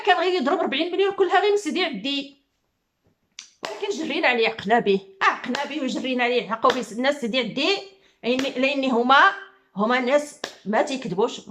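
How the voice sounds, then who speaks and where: A middle-aged woman with a Moroccan accent ranting to her viewers, heated and accusing, repeating her phrases again and again. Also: high-pitched. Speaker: YouTuber.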